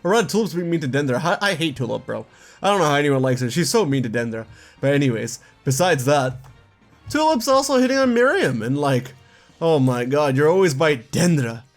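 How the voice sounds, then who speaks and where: Chatty man commentating over soft music. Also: on the high side, very animated. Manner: chatty, laughs at his own jokes, quick asides. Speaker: YouTube gaming commentator. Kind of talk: casual video commentary.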